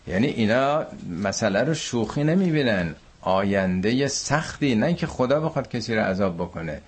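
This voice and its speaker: A man from Iran teaching a Quran commentary class, reciting Arabic verses slowly and explaining them in everyday speech. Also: mid-range voice, expressive, breathy edge.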